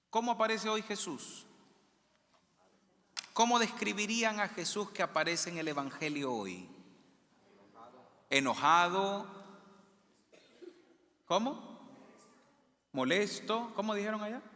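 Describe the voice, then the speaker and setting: Male priest, slow animated delivery, higher voice, quizzing the pews, recorded with long church reverb. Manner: questions the congregation and repeats their answers. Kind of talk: interactive homily.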